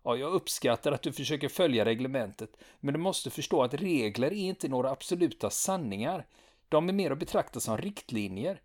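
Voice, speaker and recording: Brief: man as a steady, fatherly older lieutenant, calm and reasoning. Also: medium pitch, natural voice. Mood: patient. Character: patient, gruff older male army lieutenant.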